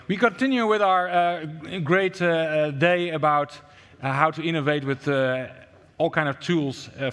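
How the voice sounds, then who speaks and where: Male moderator, smooth voice, hesitant, echoing venue. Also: on the high side, a bit bright. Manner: hesitant, many fillers. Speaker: event moderator. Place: conference venue. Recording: long hall reverb.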